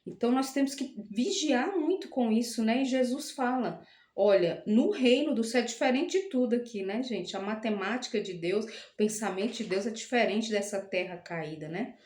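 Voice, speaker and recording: A woman's voice: fairly high pitch, moderate pace, few pauses, a little mellow, echoey room. A woman giving an informal, chatty Bible meditation, often tagging her sentences with questions and laughing at herself. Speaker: Bible teacher.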